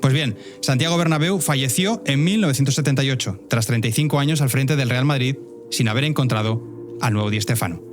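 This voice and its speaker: A man with a Spanish accent narrates a scripted story at a brisk clip over faint music. He is wry and speaks straight to the listener like a podcast host. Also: mid-range voice. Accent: Spain. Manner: wry, addresses listeners directly. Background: faint music bed.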